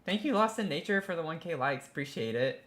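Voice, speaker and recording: A man's voice: a little high, lively intonation, fast talker, a bit bright. A man from Tennessee with a Southern accent, chatting casually on a live stream in a rambling, self-interrupting way. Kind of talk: casual live-stream chat while building in a game.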